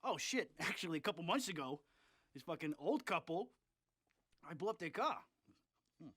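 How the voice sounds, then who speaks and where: A man's voice: on the high side, animated, moderate pace, a bit bright, slightly rough, no room sound. An actor playing a crude, cocky male gangster who brags offhandedly about his crimes in a confessional. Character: sleazy foul-mouthed male gangster, cocky.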